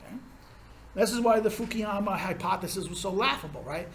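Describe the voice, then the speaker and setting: A male university lecturer with a fairly high voice talks through a classroom lecture in a rambling, sardonic way, often restarting his sentences. The sound carries the echo of a roomy lecture hall. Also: a little fast, fairly bright tone, slight background noise.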